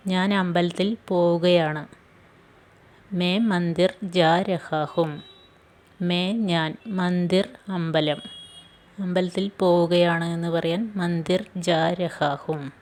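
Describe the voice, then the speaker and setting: A woman teaching phrases in a scripted lesson, repeating each phrase slowly and carefully. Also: on the low side, darkish tone. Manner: slow, careful phrase-by-phrase drilling with repetition. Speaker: language teacher.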